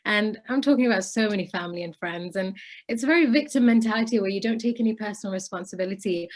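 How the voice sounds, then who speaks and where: A woman in her twenties from Bangladesh, an interview guest speaking earnestly and articulately about her opinions. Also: mid-range voice. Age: 20s. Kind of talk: conversational interview.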